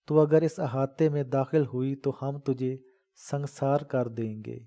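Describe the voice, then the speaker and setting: A man playing hostile shrine guards in an audiobook, shouting at an old woman with contempt. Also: medium pitch, fairly even intonation, lightly acted. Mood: harsh threats.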